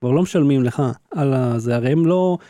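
A man's voice: mid-range voice, warm tone, dry recording, clean studio sound. A man in casual chat, probing and pressing with questions. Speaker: podcast co-host.

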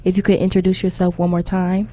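A woman's voice: lowish voice, monotone, quick pace, mellow, slight background noise. A young woman hosting a student interview, asking questions and encouraging her guests. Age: young adult. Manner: encouraging, brief affirmations.

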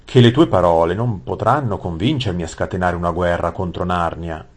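A man voicing a calm old king who speaks in stately, measured proverbs. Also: sits low.

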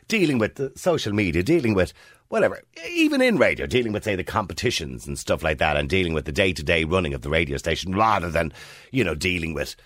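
A man's voice: deep voice, fairly bright tone, dry recording, studio quality. A man in his fifties with an Irish accent, hosting a talk radio show and putting questions to listeners in a chatty, opinionated way. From Ireland. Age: 50s.

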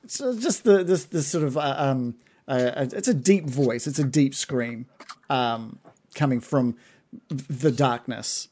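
A mid-pitched man runs a tabletop game as its game master. He narrates in a loose, playful way and laughs often as he goes. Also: animated, measured pace, mellow, slight background noise.

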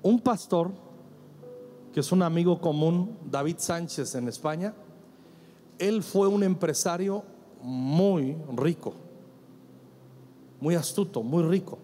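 Emphatic pastor preaching a sermon. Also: male voice, a little high, expressive, takes it slowly, long pauses, mellow, a little hiss or hum. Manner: emphatic, acts out quoted dialogue, asks congregation to answer. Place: church with congregation.

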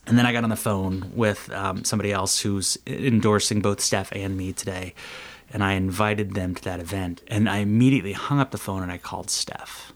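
Low gravelly man, chatty and joking. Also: steady tone, fairly quick. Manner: chatty, sarcastic, laughs at own jokes. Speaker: city council candidate. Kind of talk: podcast interview, casual.

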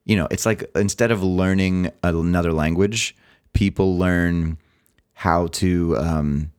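A man's voice: sits low, fairly even intonation, takes it slowly, darkish tone, clear, resonant tone. A man co-hosting a podcast, giving earnest advice in a casual chat and riffing playfully. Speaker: podcast co-host.

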